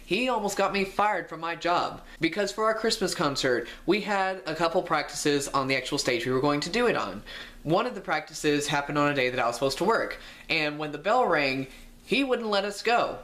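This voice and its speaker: A man's voice: on the high side, lively intonation, normal speed, bright, forceful tone. A young man telling a storytime rant on his vlog, exasperated, his voice jumping up when indignant. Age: young adult. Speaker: vlogger.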